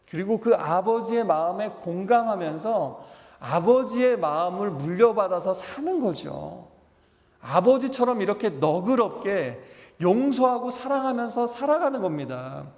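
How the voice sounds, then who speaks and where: A man's voice: sits high, darkish tone. A male pastor preaching a Sunday sermon, acting out quoted voices and asking the congregation to repeat phrases after him. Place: church hall. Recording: echoey church hall with long reverb.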